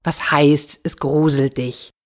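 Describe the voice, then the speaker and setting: A woman's voice: low voice, steady tone, slow, voice pushed down. A woman voicing a simple-minded, fearless young village lad in a children's fairy-tale reading. He sounds earnest and unbothered. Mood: puzzled.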